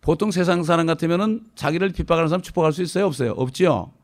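A middle-aged man preaches a sermon in a loose, conversational way, telling anecdotes. He keeps checking in with the congregation through short questioning prompts. His delivery jumps between raised, emphatic lines and soft, low asides. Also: racing. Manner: tells anecdotes casually, with informal speech mixed in. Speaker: pastor.

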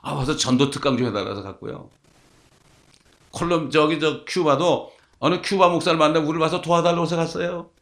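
A man's voice: on the high side, a bit bright. A male pastor preaching a sermon, telling stories and asking the congregation rhetorical questions.

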